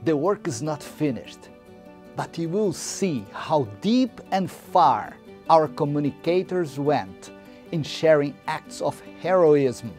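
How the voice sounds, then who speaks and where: A man giving a slow, measured scripted narration. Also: a little high, expressive, darkish tone, soft background music.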